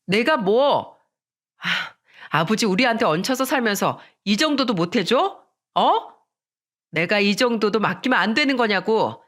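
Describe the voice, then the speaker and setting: A narrator voicing a furious young wife who yells back at her husband, shrill and defiant. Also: expressive, unhurried. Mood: angry shouting.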